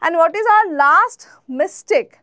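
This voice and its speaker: A young woman from West Bengal with a Bengali accent, teaching spoken English in a video lesson, slowing down to model English phrases and often checking in with her viewers. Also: extremely high pitch, animated, sharp tone, dry recording, clean studio sound. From West Bengal, India.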